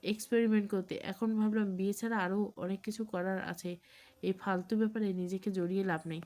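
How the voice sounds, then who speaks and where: A woman's voice: mid-range voice, brisk, natural voice. Woman reading a curt, indifferent young man for an audiobook. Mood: cold. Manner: flat, offhand, curt. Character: cold, defiant young bearded man.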